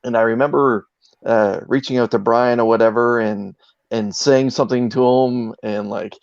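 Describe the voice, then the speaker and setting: Male guest, average pitch, earnest and halting casual storytelling, dull close lo-fi audio. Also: steady tone, no room sound. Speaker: interview guest, video creator. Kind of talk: casual chat, telling anecdotes. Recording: dull, dry lo-fi sound.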